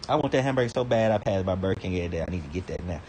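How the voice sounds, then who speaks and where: Low-voiced man on a profane rant. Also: expressive, racing, a little mellow, a little hiss or hum. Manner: rambling, swears heavily, stammers and repeats words; indignant, pitch jumps high when worked up. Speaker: vlogger.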